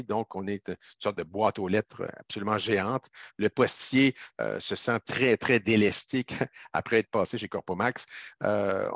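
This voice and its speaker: Low-voiced Québécois man, chatty webinar talk. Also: no echo. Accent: Québécois French. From Quebec. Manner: chatty, peppers talk with tag words and direct asides to the audience. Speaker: webinar presenter, business lawyer. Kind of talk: casual explanatory webinar talk. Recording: dull lo-fi webinar audio.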